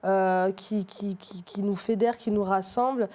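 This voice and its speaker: A middle-aged street artist from Martinique is a guest in a relaxed, casual interview, answering in a mellow, warm, medium-pitched voice. She hesitates a lot, restarting sentences and filling pauses.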